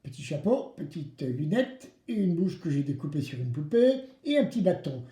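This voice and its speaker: An animated children's craft presenter with a mellow voice that swings widely in pitch. They talk straight to the kids in a playful, theatrical way, asking them to answer back. The room adds a noticeable echo. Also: normal speed. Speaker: presenter of a children's DIY video series. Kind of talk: children's craft tutorial, addressing kids directly. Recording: roomy, echoing indoor sound.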